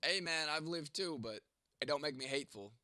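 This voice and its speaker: A man's voice: on the high side, fairly quick, bright, forceful tone, dry recording. A young man hosting a casual livestream, rambling and swearing as he answers chat comments by name, with a sore throat and a cough. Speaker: livestream host reading chat.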